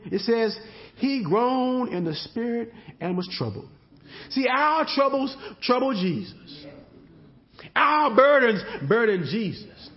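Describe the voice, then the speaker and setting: Lively high-pitched preaching man, lo-fi. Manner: preaching with rising emphasis and call-and-response rhythm. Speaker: pastor. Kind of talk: sermon.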